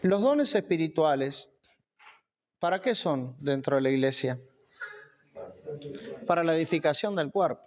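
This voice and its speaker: A man's voice: a little high, expressive, measured pace, long pauses. A man preaching a sermon at a church camp, emphatic and repeating key phrases.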